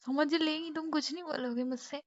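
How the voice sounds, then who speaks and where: A young adult woman talks casually and intimately with her partner on a phone call, teasing and questioning him as his girlfriend. Her high voice moves fairly quickly with fairly even intonation. The dry phone recording sounds muffled and lo-fi.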